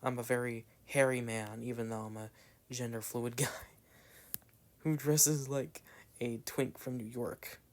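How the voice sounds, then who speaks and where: A young man from the Southern United States, speaking with a Southern American accent, rambles casually as a gameplay commentator while playing a video game. His medium-pitched voice stays fairly even and unhurried, meandering along with frequent "like" fillers and trailing asides.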